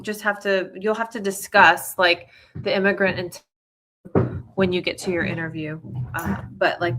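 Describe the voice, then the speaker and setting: Woman, immigration attorney, lowish pitch, bright sound, chatty and reassuring answers. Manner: casual, explanatory, frequent fillers. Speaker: immigration lawyer. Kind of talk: live viewer Q&A.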